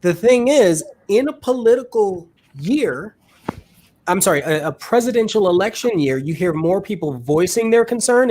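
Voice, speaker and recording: A man talking casually as a realtor and podcast host, thinking aloud with restarts. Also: on the high side. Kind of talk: casual panel talk.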